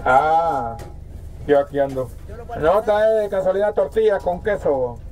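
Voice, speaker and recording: A man's voice: on the high side, animated, measured pace, crowd noise, poor audio. A man with a Salvadoran accent joking with friends and calling out a toy giveaway from an open truck outdoors. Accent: Salvadoran Spanish. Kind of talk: casual joking banter and street calls.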